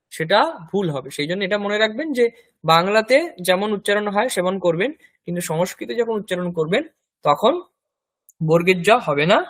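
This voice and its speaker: A man with a Bengali accent teaching a Sanskrit lesson, patiently spelling each word letter by letter and repeating it slowly. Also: high-pitched, a bit bright, dry recording. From India. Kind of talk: classroom language lesson.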